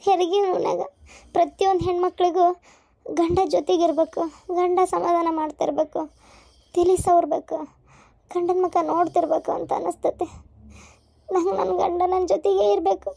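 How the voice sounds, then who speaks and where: Woman doing a frightened young wife in labor, creaky and high. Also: flat delivery, moderate pace, pauses often, warm tone, dry recording, clean studio sound. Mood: pleading. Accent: North Karnataka Kannada. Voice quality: pleading, strained. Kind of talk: cartoon voice acting.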